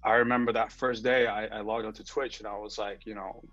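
A man talks about his music in a laid-back, slangy ramble, full of fillers. His voice is husky and sits on the low side. The sound is dull and lo-fi, as from a video call, with faint music behind him. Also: little pitch movement, brisk, a bit bright. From New York. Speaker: guest music producer. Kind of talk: casual interview on a video call.

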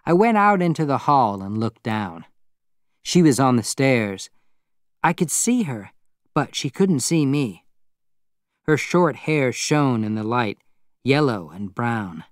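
A man reading a novel aloud as narrator in a measured, plain storytelling manner. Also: mid-range voice, sing-song, dry recording, studio quality. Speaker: audiobook narrator. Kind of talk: scripted narration.

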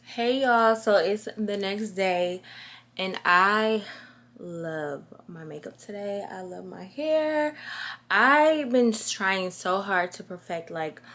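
A woman's voice: mid-range voice, a bit bright. A woman in her twenties with a Chicago accent, chatting casually to camera in an upbeat way. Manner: chatty, upbeat, says "y'all" and "like" often. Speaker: vlogger. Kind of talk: casual vlog talk to camera.

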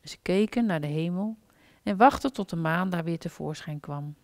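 A woman's voice: on the low side, moderate pace, a little mellow, no room sound. A woman reading a children's story aloud expressively during a church service.

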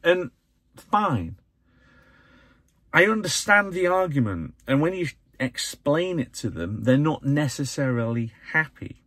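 A middle-aged English man films himself in his car and talks straight to camera, lively and opinionated, pushing his pitch up whenever he wants to stress something. His voice is a touch husky, and the sound is close and dry, with the mic right in front of him. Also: a little slow, no room sound. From England. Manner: animated, opinionated, swings pitch up for emphasis. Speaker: vlogger, channel host. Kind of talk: casual to-camera vlog. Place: inside a parked car. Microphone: phone or camera held close in front.

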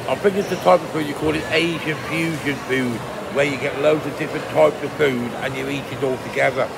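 A food vlogger in his fifties, his voice fairly high and creaky, eats and reviews dishes in an indoor mall food court under a glass roof, chatting in a relaxed way and murmuring as he tastes. He holds his phone at arm's length facing up, and heavy, loud mall ambience fills the background.

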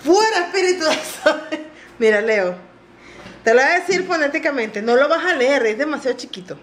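A woman's voice: sits high, expressive, fairly quick, slight background noise. A woman with a Venezuelan accent, vlogging casually at home in a chatty, playful, exclamatory way. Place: home, indoors.

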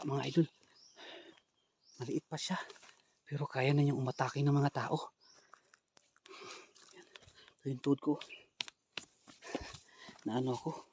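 A man's voice: mid-range voice, slight background noise. Dramatic man narrating a ghost hunt. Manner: dramatic, swings between hushed and shouting, addresses viewers directly. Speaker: ghost hunter vlogger. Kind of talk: live ghost-hunting vlog narration. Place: outdoors near a rural hut.

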